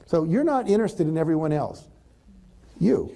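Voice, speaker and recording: A man's voice: a little high, sing-song, normal speed, gravelly, mellow. A man giving a conversational motivational talk to an audience, animatedly acting out example thoughts. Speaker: motivational speaker.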